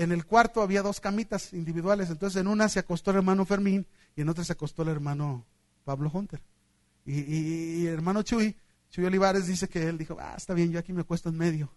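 A man with a Mexican accent preaches a sermon in a high, lively voice. He tells stories and acts out the voices of the people in them, going from loud, excited lines to quiet, hushed ones. The sound is dry and close, with no room echo. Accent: Mexican Spanish. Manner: animated storytelling, acting out voices, swinging from loud to hushed.

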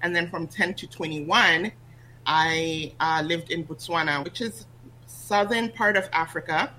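Talking casually about her life and business, this Ghanaian woman appears as a guest; she's an online business coach. She's lively, quick to laugh and often restarts sentences, with a low voice captured on a low-quality recording over a faint hum.

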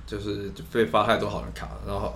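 Guy with a taiwanese accent, lowish voice, giving casual advice, bit of noise behind him. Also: completely flat delivery, brisk, fairly bright tone. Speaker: co-host. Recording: noticeable background noise.

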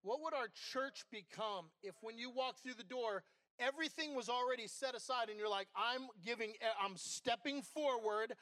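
A man's voice: extremely high pitch, moderate pace, fairly bright tone, no room sound. A middle-aged man, an associate pastor, giving a candid, conversational sermon built on personal stories.

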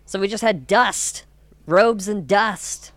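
A man's voice: high-pitched, slow, fairly bright tone, dry recording. Man playing a profane, rambling desert alien scavenger. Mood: aggrieved, ranting. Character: aggrieved desert alien scavenger with many wives. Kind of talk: improvised comedy role-play chat.

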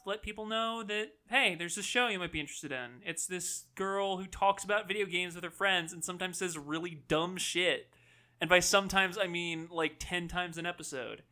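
A woman's voice: lowish voice, bright, forceful tone, smooth. A woman hosting a casual gaming podcast, joking through her sign-off. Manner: joking, quick sign-off patter. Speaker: podcast host.

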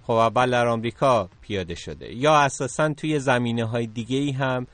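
Guy from isfahan explaining stuff on a talk show, kinda hesitant, medium pitch, dry sound. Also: fairly bright tone, no room sound. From Isfahan, Iran. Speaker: technology segment contributor. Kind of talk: conversational radio commentary.

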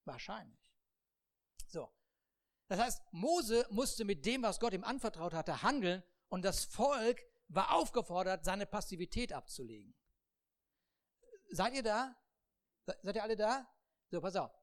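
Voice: medium pitch, sing-song, measured pace, long pauses. A preacher giving a humorous sermon, acting out the people in the Bible story and laughing often. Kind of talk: sermon with acted-out Bible scenes.

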